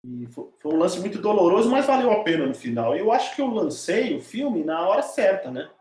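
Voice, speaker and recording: A middle-aged filmmaker recounts his story in a loose, animated way, often tossing tag questions at his listener. His voice sits a little high for a man. The room around him is echoey and hollow. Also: fairly quick. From Diadema, São Paulo, Brazil. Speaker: documentary filmmaker, guest. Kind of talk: casual storytelling interview.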